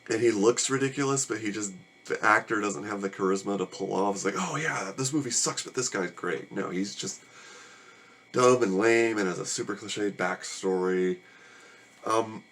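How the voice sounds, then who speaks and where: A man's voice: on the low side, fairly bright tone. A man casually reviewing a movie, rambling in a weary, sarcastic and annoyed way.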